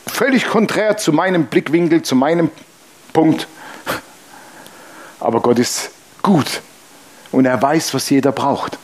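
Pastor, male, slightly high voice, emphatic preaching with repetitions and questions to the congregation. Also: unhurried, pauses often. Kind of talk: sermon.

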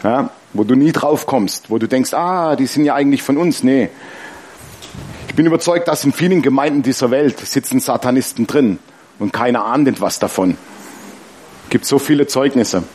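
A man's voice: medium pitch, normal speed, slight background noise. A man preaching a sermon, telling stories with laughter and asking the congregation questions. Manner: lively storytelling with laughs and congregation call-and-response. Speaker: pastor.

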